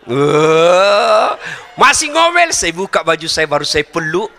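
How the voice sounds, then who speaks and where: A man's voice: a little high, slow pace, creaky, long reverb tail, soft background music. A middle-aged man giving a humorous sermon, joking and speaking straight to the audience. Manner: lively, joking, addresses the audience directly. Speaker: preacher.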